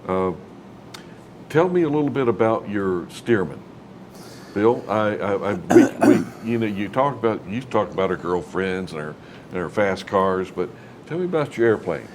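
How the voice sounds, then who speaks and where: A man's voice: lowish voice, lively intonation, normal speed, noisy background. A man chatting casually as an interviewer, with a folksy, rambling way of asking questions. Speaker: interviewer, host.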